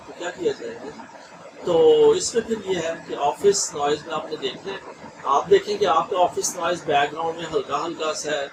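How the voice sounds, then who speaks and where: A man giving an online training lecture in a chatty way, often checking in with his listeners and mixing in English phrases. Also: fairly high pitch. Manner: chatty, mixes English phrases, frequent "theek hai ji" checks. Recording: distant mic with noisy room ambience.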